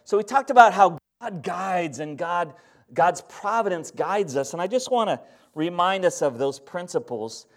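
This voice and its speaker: Male pastor, high voice, animated sermon, acts out quotes. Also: moderate pace. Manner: storytelling with acted-out quotes, animated.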